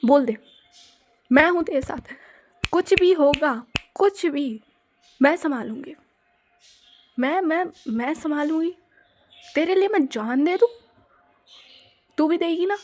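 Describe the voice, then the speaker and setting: A woman's voice: sits high, expressive, takes it slowly, pauses often. A woman playing a fiery, loyal best friend. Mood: rallying. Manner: pushy, rallying, teasing. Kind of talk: Hindi audio story role-play.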